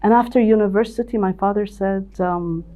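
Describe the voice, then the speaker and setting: Speaking briskly in a mid-range, dark-toned voice, an older woman from Ethiopia recounts her life in an interview. She runs a company as CEO and managing director, and her account is full of restarts and repeated words.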